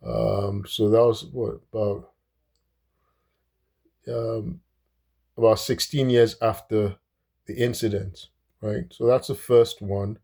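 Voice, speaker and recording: A man's voice: lowish voice, dark tone. A man from Nigeria giving casual solo commentary on politics, speaking hesitantly with many fillers and restarts.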